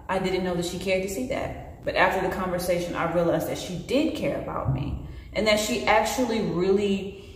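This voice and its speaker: A woman in her late twenties talks candidly to the camera in a personal vlog, earnest and expressive, gesturing with her hands. Her fairly low voice moves at a moderate pace with a little hiss or hum, in a bare indoor room that is very echoey with long reverb.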